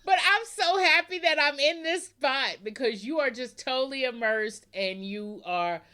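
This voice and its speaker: A woman's voice: high-pitched, expressive, measured pace, pushed and bright. A woman hosting a book podcast, chatting casually with a guest, rambling a little and laughing often. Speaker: podcast host. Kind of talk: casual interview chat.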